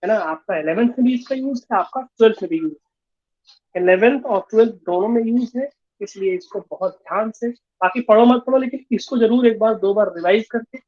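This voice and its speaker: Guy teaching physics online, explains every step, hindi and english mixed, kinda muffled audio. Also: sits high. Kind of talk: online class lecture.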